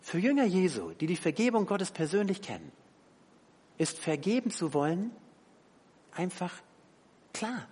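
A man preaching a sermon, animated, swinging between loud emphasis and quiet asides. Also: sits high, measured pace, pauses often, husky. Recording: long hall reverb.

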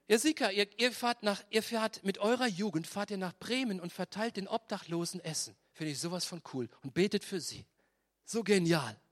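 A man preaching a lively sermon, telling a story with acted-out voices and often asking "ja?" of the congregation. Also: extremely high pitch. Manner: animated storytelling with voiced asides; tags many sentences with "ja?". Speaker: pastor.

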